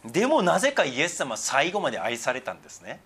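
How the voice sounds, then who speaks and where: A middle-aged man, a pastor preaching a sermon, who swings between emphatic raised passages and soft, murmured asides. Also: on the high side, wildly swooping pitch, fast talker, husky.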